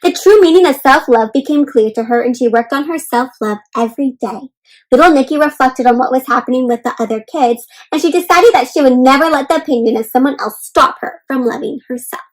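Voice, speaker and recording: With a high voice and a slightly fast pace, a children's read-aloud host reads a storybook to young listeners, reassuring and encouraging them and often stopping to explain in simple terms and check in. The recording is low-quality.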